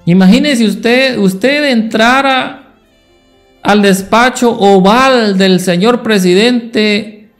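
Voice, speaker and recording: A man. He keeps putting rhetorical questions to his listeners, with soft music behind him. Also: high-pitched, takes it slowly. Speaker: preacher. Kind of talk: Sunday school sermon.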